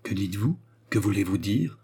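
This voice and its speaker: A man's voice: lowish voice, animated, unhurried, warm tone, breathy edge. A man voicing an anxious, lovesick young workman in an audiobook. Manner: urgent, pleading.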